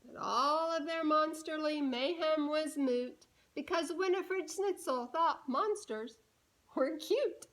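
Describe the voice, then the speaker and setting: Reading aloud from a storybook for small kids, this high-pitched woman is animated and careful with her words, breaking off to quiz her listeners. The recording is rough.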